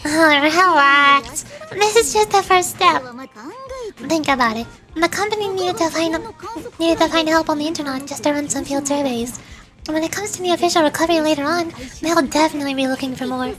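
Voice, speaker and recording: Voicing a young cat girl mercenary who is perky and scheming, a woman reads game dialogue in a chatty, cajoling, upbeat and persuasive way. Her lightly acted voice sits high and moves fairly quickly, over loud game music in the background.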